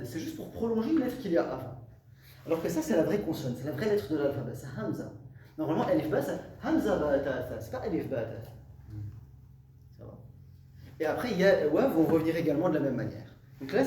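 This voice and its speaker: Guy teaching a class, mellow voice kinda high, roomy echo, mic far off. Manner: explains step by step, repeats terms, asks "ça va?". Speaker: Quran recitation teacher. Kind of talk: classroom lesson explaining Arabic letters. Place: classroom with students. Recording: roomy echo, distant mic, faint hum.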